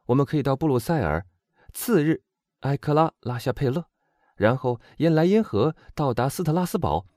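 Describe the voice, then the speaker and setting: Man voicing a bold young woman, brisk, confident, teasing, lively high voice, dry sound. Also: dry recording, natural voice.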